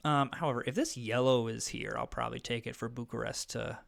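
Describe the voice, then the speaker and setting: A man's voice: mid-range voice, steady tone, quick pace, gravelly, fairly bright tone. A man in his thirties with a Midwestern American accent, rambling casually with lots of fillers while playing a board game online. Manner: rambling, filler-heavy, self-deprecating. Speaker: gaming YouTuber. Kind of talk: casual let's-play commentary.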